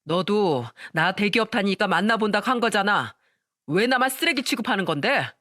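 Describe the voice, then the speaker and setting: A man's voice: high-pitched, animated, moderate pace, pushed and bright, dry recording, studio quality. A man voicing a calculating, condescending man in his late thirties in a scripted audio drama for a story channel, talking down to his girlfriend. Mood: resentful. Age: 30s. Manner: sneering and condescending.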